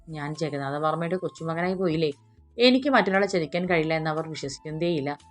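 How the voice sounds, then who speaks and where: Brief: woman doing a patient young man, soft and earnest, lowish voice, storybook. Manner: calm, earnest, soothing.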